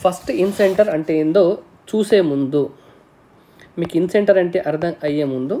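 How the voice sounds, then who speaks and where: A man's voice: sits high, normal speed, warm tone. A male teacher giving an exam-prep lesson, explaining step by step, often checking in with the viewer and mixing English technical terms into his speech.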